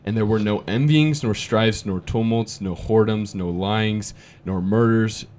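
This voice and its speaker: A man in his twenties co-hosting a podcast, casual and upbeat, reading verses aloud between quick asides. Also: fairly low pitch, darkish tone. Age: 20s. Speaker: podcast co-host. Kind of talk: podcast conversation with scripture reading.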